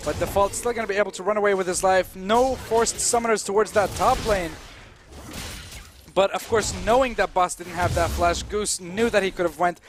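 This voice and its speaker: A man's voice: high voice, normal speed, soft background music. A man doing live play-by-play commentary on an esports match, with playful, teasing banter toward his co-caster.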